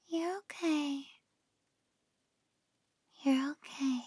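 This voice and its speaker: A tender girlfriend played by a woman in an ASMR role-play, right in the listener's ear. Her voice is soft and mellow, very unhurried, in a dry, intimate space. She soothes and reassures like a partner easing someone to sleep. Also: high voice, no room sound. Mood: soothing, reassuring. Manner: slow, gentle, soothing. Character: tender, reassuring female partner lulling a loved one to sleep.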